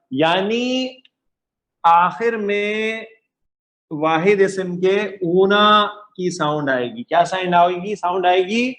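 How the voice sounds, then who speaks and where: A man teaching an Arabic grammar class, patiently repeating examples and checking that his students follow. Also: high voice. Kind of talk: lecture.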